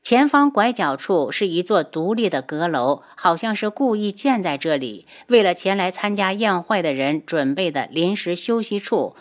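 A woman narrating an audiobook novel. Her pitch moves a lot, giving the reading an animated, expressive feel. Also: normal speed, hardly any pauses.

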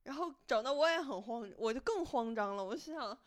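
A woman's voice: on the high side, expressive, a little fast, no echo, clean studio sound. A woman podcast host, telling a story in casual chat and laughing as she goes.

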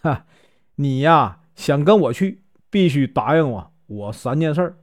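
A male storyteller voicing a shrewd, calm strategist who speaks in a measured, scheming way. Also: a little high, no room sound, studio quality. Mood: sly.

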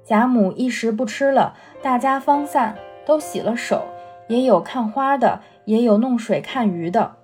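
A woman reading a classic novel aloud for a reading-club podcast, in a steady, even storytelling manner. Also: fairly high pitch, a little slow, faint music behind. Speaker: reader.

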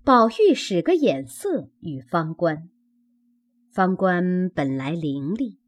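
A woman reading a classic novel aloud as audiobook narration, measured and expressive. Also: lowish voice. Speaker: audiobook reader.

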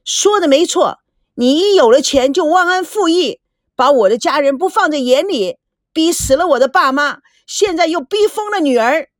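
A woman voicing a shrill, wronged wife. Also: animated, moderate pace, dry recording, studio quality. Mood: accusing. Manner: shrill, wailing accusations. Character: wronged, hysterical middle-aged wife and mother.

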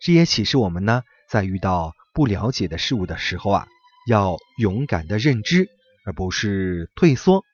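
A man narrating a bedtime story for children in a gentle, expressive, lively way. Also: on the low side, normal speed. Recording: muffled recording with soft background music.

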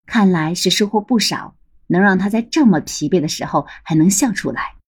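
A woman's voice: fairly low pitch, lively intonation, normal speed, husky. A woman narrating a serialized audiobook with a lightly humorous storytelling manner.

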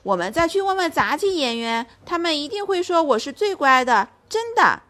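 A woman voicing a naughty, cheeky little circus girl, pleading in a quick, wheedling way. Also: high-pitched, big pitch swings, fairly bright tone, voice pushed up.

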